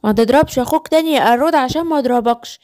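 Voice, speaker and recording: A high-voiced woman with an Egyptian Arabic accent, telling a children's story. She speaks as a mother, scolding and coaxing her little ones. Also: very fast, a little mellow.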